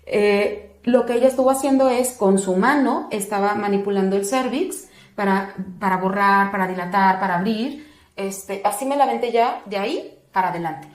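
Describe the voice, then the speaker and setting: A woman's voice: mid-range voice, normal speed. A woman, a doula and interview guest, recounting a personal experience and acting out the other people's words. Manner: animated, acts out other people's words with a raised voice. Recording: roomy echo.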